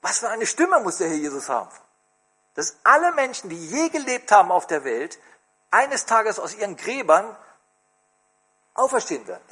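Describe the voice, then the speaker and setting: Lively, husky-voiced male preacher. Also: high-pitched, moderate pace, long pauses. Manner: expressive, asks the congregation questions. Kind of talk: sermon.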